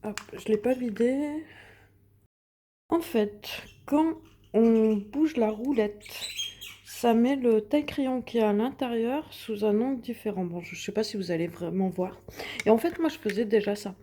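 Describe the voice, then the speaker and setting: A fairly high-pitched, mellow voice at a measured pace belongs to a young woman vlogging about her completed coloring pages. Seated at home by a window, she talks casually and hesitantly, stumbling through fillers and restarts.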